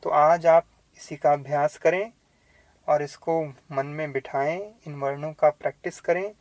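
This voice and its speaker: A man's voice: on the high side, steady tone, measured pace, a little mellow, no room sound. A man teaching a beginner language lesson, patiently reading out letters one by one and stressing each sound with care. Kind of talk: slow spoken language lesson.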